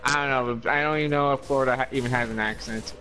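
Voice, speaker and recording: An American man co-hosting a gaming stream, making relaxed, low-key remarks. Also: racing. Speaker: co-host. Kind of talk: casual gaming chat. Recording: game music loud behind.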